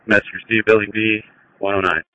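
A man's voice: lowish voice, steady tone, fast talker, bright, forceful tone, clear, resonant tone, no room sound, dull audio. A man calling dispatch over two-way radio as an emergency responder, in brief radio traffic. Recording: dry two-way radio audio.

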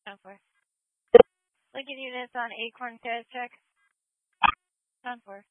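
A woman police dispatcher giving brisk, clipped radio codes over a police radio. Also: fairly high pitch, fairly even intonation, no room sound. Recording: narrow-band dry radio transmission.

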